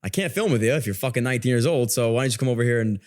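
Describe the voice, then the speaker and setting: On a podcast, a male online content creator chats casually as a guest, telling stories informally and frequently cutting himself off. His voice sits at medium pitch with a darkish tone, and he speaks expressively at a racing pace.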